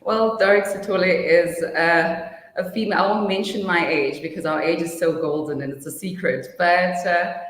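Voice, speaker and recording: A woman's voice: on the low side, steady tone, moderate pace, few pauses. Zimbabwe-born woman in her 30s, chatty, lots of uh's, roomy echo. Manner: chatty and warm, with frequent "uh" fillers. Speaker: guest, marketing director. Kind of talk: casual interview talk. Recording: echoey room with long reverb.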